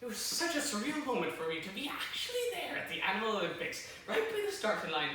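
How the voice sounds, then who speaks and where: A man performing a story, narrating with animated, playful, sportscaster-like delivery. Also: high voice, quick pace, a little hiss or hum. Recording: echoey room, distant mic.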